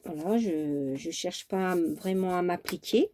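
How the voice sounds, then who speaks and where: A woman's voice: fairly low pitch, a little slow, dark tone, a little hiss or hum. A woman chatting casually through a crafting tutorial at her home craft table, homely and talkative, with many fillers. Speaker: craft vlogger.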